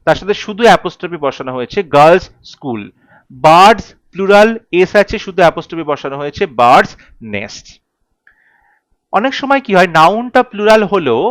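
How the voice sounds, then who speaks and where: A high-pitched man runs an English grammar class. He works through each rule step by step and asks his students questions along the way. The recording is dry, with no room sound. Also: no echo. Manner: explains step by step, repeats key rules, asks students questions.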